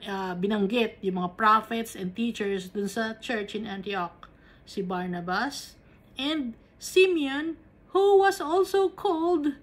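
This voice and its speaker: A woman's voice: a little high, a bit bright. A woman with a Filipino accent teaching a Bible study, switching between Tagalog and English and asking rhetorical questions.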